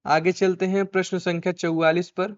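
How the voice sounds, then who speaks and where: Going over an exam's answer key, a male Hindi teacher quizzes himself and drills each answer by repeating it. He has a high voice, a level tone and a moderate pace, captured in a dull lo-fi recording.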